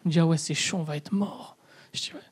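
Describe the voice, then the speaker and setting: High-voiced young male stand-up comic. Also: quick pace, slightly rough. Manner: animated, acts out both sides of dialogue. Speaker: stand-up comedian. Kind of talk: stand-up storytelling. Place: comedy club stage.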